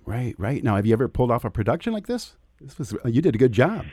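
A man's voice: mid-range voice, very animated, fast, dark tone, no echo, studio quality. A man hosting a podcast, friendly and laughing often as he chats with a guest. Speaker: podcast host. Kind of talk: casual interview chat. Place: Florida.

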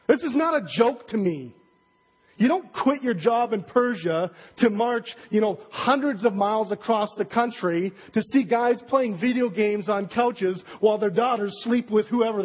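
Husky high-voiced male preacher. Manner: conversational, joking, many fillers and asides. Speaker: pastor. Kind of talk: sermon. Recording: dull recording with long hall reverb.

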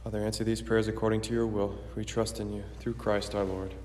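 Man, priest at the altar, solemn liturgical prayer, even intonation, measured and formal, long cathedral echo. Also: on the low side, slight background noise. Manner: measured, reverent, formal recitation. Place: large echoey church.

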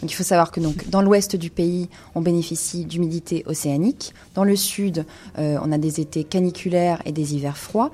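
A woman talks through a wine segment in a radio studio. Her voice sits a little low and sounds warm and mellow. She hesitates often, filling gaps with small sounds as she goes. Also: fairly even intonation, moderate pace, slightly rough. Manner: hesitant, many fillers. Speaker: wine columnist.

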